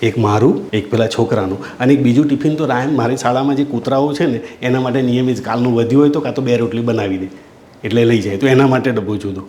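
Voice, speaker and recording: A man's voice: mid-range voice, fast, darkish tone, slight background noise. Earnest Gujarati man in an echoey room. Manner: earnest, repeatedly addresses listeners as sir. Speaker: school principal. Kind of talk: storytelling talk.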